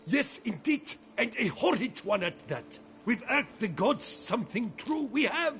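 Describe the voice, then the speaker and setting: A man doing a high, excitable quarry worker. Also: a little slow, slight background noise, exaggerated voice. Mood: excited. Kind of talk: fan dub of a video game.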